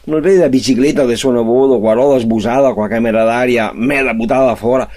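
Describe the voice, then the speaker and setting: A man tells a joke in thick Venetian dialect. His voice is dark and mellow, at an ordinary male pitch, and he narrates in the manner of someone recounting a gag. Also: steady tone, a little fast. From Veneto, Italy. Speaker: joke teller.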